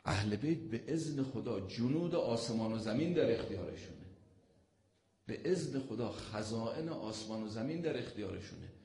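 A man preaching a religious sermon, telling stories with loud emphatic lines and soft, intimate ones. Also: medium pitch, expressive, creaky.

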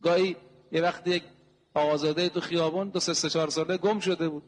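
A man with a high voice delivers a sermon, posing rhetorical questions and stacking up emphatic lists. His voice rings out with a long reverb, as if in a large hall. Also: steady tone. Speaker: preacher.

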